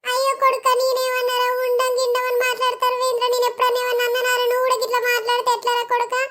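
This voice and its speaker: Cartoon old grandmother , woman actor, Telangana accent, very high, rapid, repetitive complainer. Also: monotone, bright, forceful tone. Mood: pleading. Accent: Telangana Telugu. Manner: complaining, repeats herself. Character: old village grandmother, wronged and pleading. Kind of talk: cartoon comedy voice acting.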